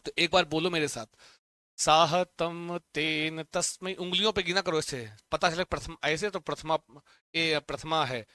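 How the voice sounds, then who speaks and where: A man teaching a Sanskrit lesson online, chanting word forms in a steady rhythm and urging students to repeat them aloud. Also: on the high side, normal speed, dry recording. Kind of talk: online exam-prep lesson.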